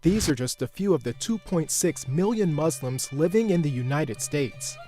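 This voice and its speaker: A man with a somewhat higher-than-average male pitch narrates a news feature. He keeps things measured and informative with an animated delivery, and quiet music runs under his voice.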